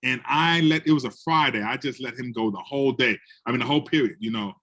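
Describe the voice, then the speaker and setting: In a quick-paced, medium-pitched voice, this male educator from the Bronx, New York recounts classroom tales during a conversation. As a guest speaker, he brings quotes to life by performing them in other voices.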